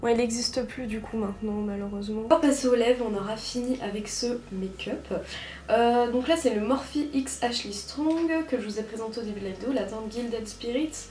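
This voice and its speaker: A woman's voice: fairly high pitch, normal speed, a little mellow. A young woman narrating her makeup step by step in a casual vlog, chatty and full of little fillers and self-corrections. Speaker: beauty vlogger.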